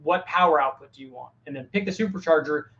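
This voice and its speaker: A man's voice: on the high side, fast talker, fairly bright tone, lo-fi sound. A middle-aged man hosting a casual live Q&A, answering viewers' technical questions in a plain-spoken way, often restarting his sentences. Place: home workshop with a fan running.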